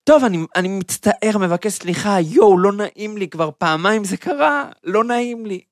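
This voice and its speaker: A man voicing a cheeky young prankster who keeps loudly greeting a stranger and then gushing fake apologies. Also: sits high, expressive, no room sound, studio quality, voice pushed up. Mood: mock-friendly.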